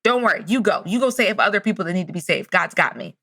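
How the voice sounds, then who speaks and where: A stubborn man stuck on a flooded roof, put on by a woman telling a story. His voice is high and bright. He refuses every offer with repeated, insistent lines. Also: animated, quick pace, no echo, studio quality, exaggerated voice.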